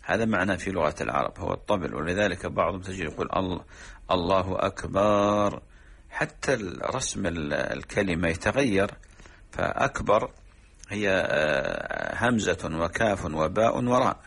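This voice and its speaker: Deep gravelly sheikh explaining rulings, takes his time, kinda husky. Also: big pitch swings, fairly bright tone. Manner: measured explanatory teaching with drawn-out pauses. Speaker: sheikh answering religious questions. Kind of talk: religious radio program talk.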